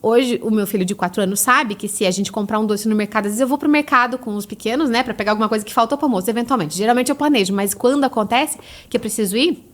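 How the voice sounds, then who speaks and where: A Brazilian woman in a casual podcast interview, talking about parenting in a lively way and acting out parent and child voices. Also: fairly high pitch, quick pace, few pauses. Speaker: guest, parenting educator.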